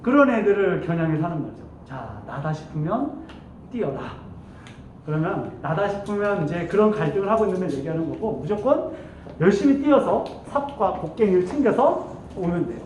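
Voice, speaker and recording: A man's voice: high voice, expressive, a little fast, a little mellow. A male teacher telling his class a playful story, acting out quoted voices and laughing often. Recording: echoey classroom from far off, faint noise.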